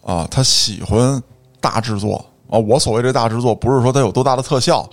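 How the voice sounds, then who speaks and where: A man in casual panel talk. His medium-pitched voice makes its points in an emphatic, rhetorical way. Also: steady tone, a little fast. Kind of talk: casual chat.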